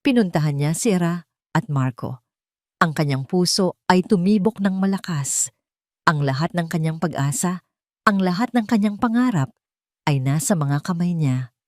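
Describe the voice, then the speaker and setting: A woman with a Filipino accent narrates a scripted dramatic story in an animated way at normal speed. Her voice is on the low side with a darkish tone, and the studio sound is clean with no room sound.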